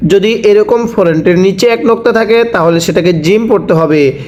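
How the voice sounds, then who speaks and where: A man teaching Quran reading, drawing out each letter sound slowly for the listener to repeat, then explaining quickly. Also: high-pitched, a little mellow. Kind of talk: slow drawn-out letter drills. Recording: dull lo-fi sound.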